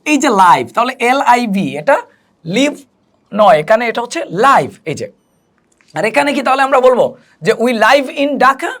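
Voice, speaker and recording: A man teaching a spoken English lesson. He explains slowly, spells words out and answers his own questions. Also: extremely high pitch, sing-song, a bit bright.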